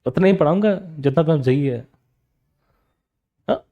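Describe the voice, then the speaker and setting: A man's voice: fairly high pitch, normal speed, phone-quality sound. A young adult man giving a science lecture to students, repeating each question and answering it himself, calling the students "beta". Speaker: teacher. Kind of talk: classroom lecture.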